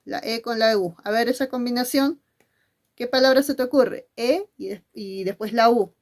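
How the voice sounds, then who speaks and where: A woman's voice: a little high, normal speed, a little mellow. Woman teacher quizzing her own class. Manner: asks questions and answers them herself, affectionate with pupils. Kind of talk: spelling lesson.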